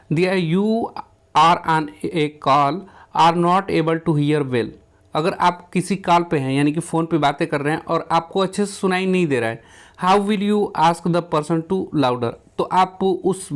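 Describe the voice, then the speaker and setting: A man teaching an exam question lesson, reading each English question out slowly and then explaining it in plain Hindi. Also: on the high side.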